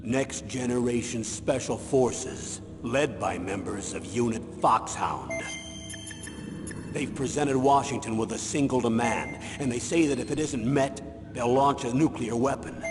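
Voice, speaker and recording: An actor playing a grave military colonel in a video game, delivering a commanding briefing. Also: male voice, mid-range voice, expressive, unhurried, music in the background. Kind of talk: scripted video game voice acting. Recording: echoey hall, noisy ambience.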